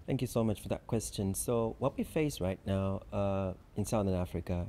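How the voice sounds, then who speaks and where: Deep-voiced man explaining calmly. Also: a little hiss or hum. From Zambia. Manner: measured, structured explanations with frequent "so" and "um". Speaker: chief risk officer, interview guest. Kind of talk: conference interview.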